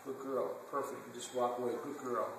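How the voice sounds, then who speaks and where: A man working as a dog trainer, coaching an owner step by step in a hands-on lesson, giving clear directions. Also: mid-range voice, flat delivery, a little fast. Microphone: phone camera held away. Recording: echoey phone video from a distance, background noise.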